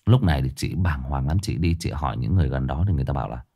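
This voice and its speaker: A man telling a tragic true story to his listeners in a casual spoken style, with sudden high emphatic bursts and low somber drops. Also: expressive, very fast, dark tone, slightly rough. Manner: addresses listeners directly, casual with restarts.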